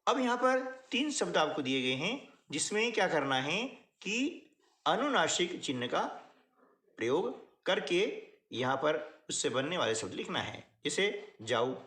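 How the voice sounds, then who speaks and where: Explaining a workbook lesson one step at a time, this man frequently pauses to ask the listener brief questions. He speaks unhurriedly with lively, varying pitch, and the sound is reverberant.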